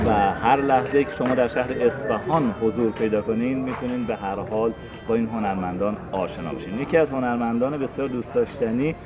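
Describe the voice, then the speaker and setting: A man in his forties hosting and interviewing in a conversational presenting style. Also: on the low side. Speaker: TV travel show host, interviewer. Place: empty theatre auditorium with red seats. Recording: slightly muffled, music underneath.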